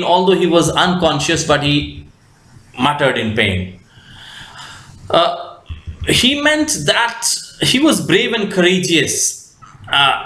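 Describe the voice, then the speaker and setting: A man with an Indian English accent reading a story aloud and explaining it as a teacher, with slow, deliberate phrasing and frequent fillers. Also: a little high, bright, forceful tone, roomy sound.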